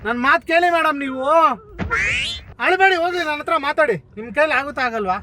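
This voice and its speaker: Prankster man, very high and bright voice, pushy and teasing, in a car with faint road hum. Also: animated, quick pace. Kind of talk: hidden-camera prank talk. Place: inside a car.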